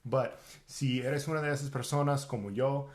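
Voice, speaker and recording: A man's voice: medium pitch, moderate pace. A native English-speaking man teaching English, answering viewer questions in a casual, easygoing Q&A and switching between English and Spanish. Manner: relaxed, easygoing, talks to viewers directly.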